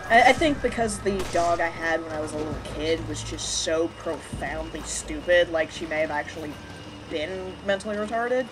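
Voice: medium pitch, lively intonation, normal speed. A let's play co-host in casual gameplay banter, making dry, teasing jokes. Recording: home gaming recording with clear background noise.

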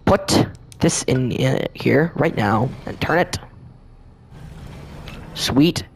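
A man giving casual let's-play commentary, chatty and excitable, often talking straight to the enemies on screen. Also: mid-range voice, very slow, vocal fry, husky. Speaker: gameplay commentator.

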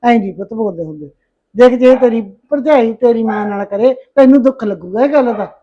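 A woman's voice: on the high side, a little fast, natural voice. A middle-aged woman, playing a tired, patient mother-in-law in a village family drama. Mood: reproachful. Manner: gentle, weary, calls her "son". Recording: dull lo-fi recording.

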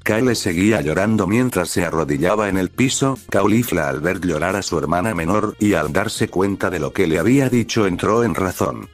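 Low-voiced man narrating a fan story. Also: animated, moderate pace, few pauses. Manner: reads stage directions plainly. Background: faint music.

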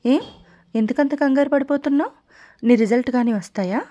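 A woman's voice: high voice, fairly quick, dark tone, lightly acted. A woman voicing a weak, ailing elder sister in an audiobook story, speaking in a tired, sardonic, questioning way. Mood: skeptical.

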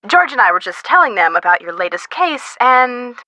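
Bright, excitable Bess Marvin, young American. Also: female voice, a little high, normal speed, no room sound, poor audio. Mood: gushing, teasing. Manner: gushing, playful, dramatic. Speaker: voice actor. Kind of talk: video game phone dialogue.

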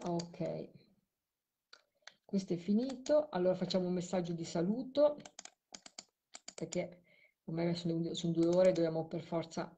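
Brief: tired woman, live stream host, mellow dark voice, computer mic with faint noise and keyboard clicks. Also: fairly low pitch, lively intonation, a little slow, long pauses. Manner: talks to a caller while replaying audio clips. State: tired late at night. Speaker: host of a live show on spirit voice recordings.

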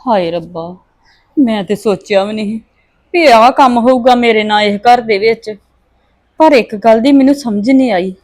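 A woman's voice: on the high side, lightly acted. A woman playing a wronged daughter-in-law accused of theft, pleading and aggrieved. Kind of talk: family drama acting.

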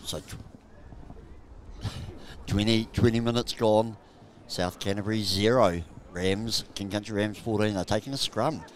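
A man with a New Zealand accent calling a live rugby match outdoors, chatty and jokey, bursting into excited shouts at big plays. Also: fairly low pitch, measured pace, slight background noise. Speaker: rugby commentator. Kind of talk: live sports commentary.

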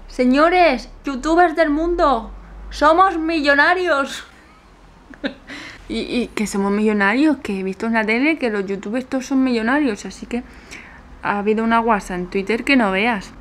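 A woman in her twenties from Spain with an Alicante accent, chatting excitedly in a casual daily vlog, bubbly and prone to squeals and giggles. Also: a little high. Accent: Spanish from Alicante. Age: 20s. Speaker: vlogger.

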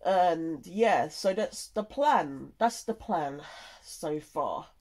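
A content creator giving a casual, halting and rambling update, sounding tired and nasally congested from a cold. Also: medium pitch, expressive, a little mellow.

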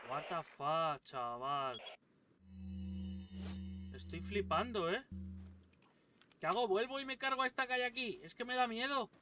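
A young man with a Spain Spanish accent, giving excitable let's-play commentary, yelping and swearing at every scare. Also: high voice, unhurried, pauses often, music in the background. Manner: yelps, swears and exclaims constantly, jumpy. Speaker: gaming channel host. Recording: distant mic with clear background noise.

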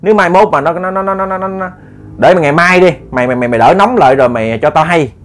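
A firm male charm-master lectures a troublesome spirit, voiced by a man telling the story. His voice sits fairly high. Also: very fast, lightly acted. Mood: lecturing.

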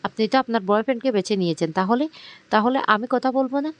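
A man's voice: sits high, quick pace, pitched above the performer's own voice, natural voice. A man voicing a scornful young daughter-in-law who talks back in a sneering, defiant way.

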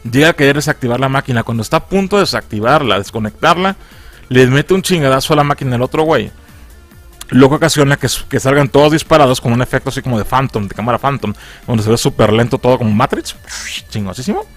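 A man's voice: mid-range voice, quick pace, faint music behind. A man with a Mexican accent, recapping a film in a casual, slangy way and acting out characters' lines in a raised voice. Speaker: film reviewer.

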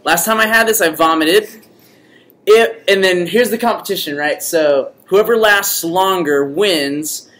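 High-pitched young man eating gross jelly beans. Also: measured pace, a bit bright. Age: young adult. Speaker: challenge host and contestant. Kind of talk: casual chat to camera. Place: large indoor common room. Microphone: camera mic at arm's length. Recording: noisy room, camera microphone.

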